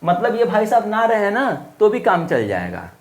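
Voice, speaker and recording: A man's voice: sits high, huge pitch swings, normal speed. A man teaching a Hindi grammar lesson in a casual, friendly manner, asking questions and repeating words for drill. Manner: casual, friendly classroom talk. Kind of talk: online class lesson.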